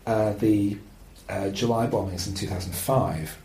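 A man's voice: lowish voice, unhurried, reverberant, low-quality recording. A man hosting a podcast who discusses a film in a casual, rambling way with plenty of fillers. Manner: rambling, animated, with frequent fillers. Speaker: podcast host.

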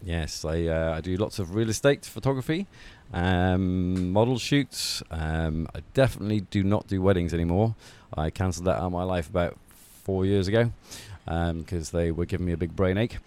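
Playful Welsh man, lowish voice. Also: normal speed, hardly any pauses, darkish tone, clean tone. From Wales. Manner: playful, self-mocking. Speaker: podcast guest. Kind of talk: casual chat.

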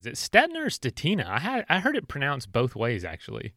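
A man hosting a podcast interview, speaking in a relaxed, rambling way with lots of fillers and restarts. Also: mid-range voice, fast talker, no room sound, studio quality. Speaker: podcast host. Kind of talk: casual interview chat.

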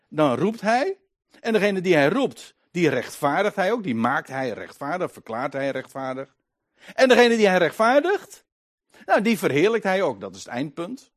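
A man delivers a sermon to his congregation. His voice sits a little high and moves a great deal, climbing on stressed words and dropping low for quiet asides. He slows right down to stretch out the words that matter. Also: no room sound, clean studio sound. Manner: emphatic, rising and falling, stretches key words slowly. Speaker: preacher.

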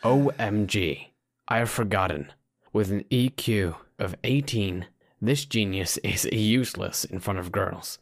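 Low-voiced man, storytime vlogger narration. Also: a little slow, vocal fry, dry recording, clean studio sound. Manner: storytime vlogger addressing listeners directly. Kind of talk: scripted first-person storytime vlog narration.

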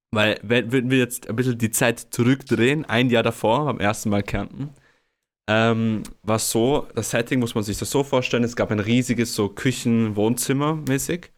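A young man tells a story in a casual podcast chat. He is animated and acts out other people's lines, laughing often. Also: medium pitch, moderate pace. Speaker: podcast co-host.

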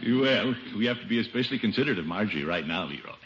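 A man's voice: fairly low pitch, expressive, racing, lightly acted. An American man playing a pompous, fussy, genial middle-aged uncle in an old radio comedy. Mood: fussy, admonishing. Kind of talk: 1940s-50s radio comedy acting. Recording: dull noisy vintage radio recording.

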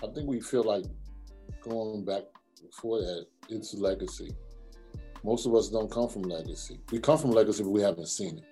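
A man as an interview guest, speaking reflectively with a husky voice and drawn-out phrasing. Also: lowish voice, dark tone, soft background music. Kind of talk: casual interview chat.

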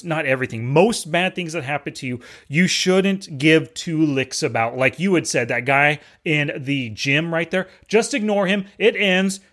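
A man's voice: sits high, a bit bright. A man co-hosting a podcast in casual chat, steadily laying out life lessons. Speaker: podcast co-host.

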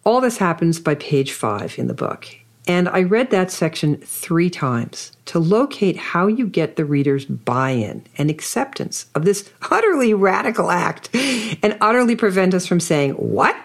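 Low-voiced woman hosting an author interview. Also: sing-song, a little slow. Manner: warm, effusive and admiring in her questions. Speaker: podcast host interviewing an author. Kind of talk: scripted introduction, then conversational interview.

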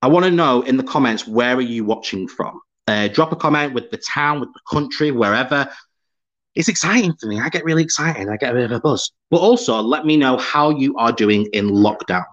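A UK man hosts a live-streamed podcast, upbeat and laughing often as he reads out viewer comments. His medium-pitched voice is expressive, brisk, and fairly bright, though the lo-fi recording sounds slightly dull.

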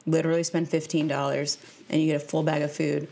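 A woman co-hosting a podcast, chatting casually and telling animated, joking stories. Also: deep voice, quick pace, creaky. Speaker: podcast co-host. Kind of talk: casual chat.

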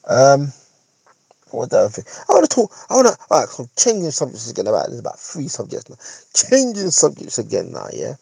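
With a London roadman accent and street slang, this podcast host gives an emphatic, opinionated monologue, repeating phrases and tossing out tag questions to seek agreement. His mid-range voice swoops wildly in pitch and sounds gravelly, husky, and warm, and he talks briskly. The recording is dry and rough.

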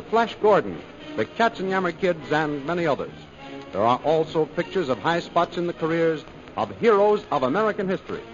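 An old radio announcer, a man with an emphatic, formal showman delivery. His voice is fairly high and comes through a narrow, vintage broadcast sound, with faint music behind him.

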